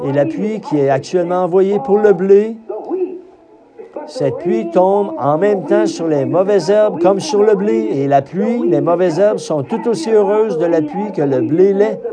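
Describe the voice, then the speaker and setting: A man's voice: sits high, a little slow. A man preaching a sermon with emphatic delivery, rising to cries on key phrases. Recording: crowd audible behind.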